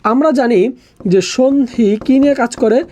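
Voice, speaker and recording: A teacher runs a live online grammar class, drilling by asking each question, repeating it, and then answering it, again and again. The voice is medium-pitched and warm, moving a little slowly.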